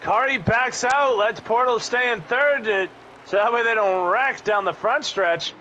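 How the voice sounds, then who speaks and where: Bright, high-voiced man calling a race. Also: measured pace. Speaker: race commentator. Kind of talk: live play-by-play sim racing commentary. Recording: dull lo-fi audio with faint background noise.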